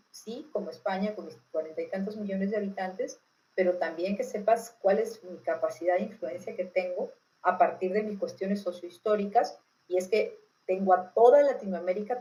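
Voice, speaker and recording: A political expert from Peru, this woman explains things informally in an interview, speaking with a Peruvian accent and a teacherly habit of tag questions to check comprehension. Her voice has a medium pitch and warm tone, though the recording is rough.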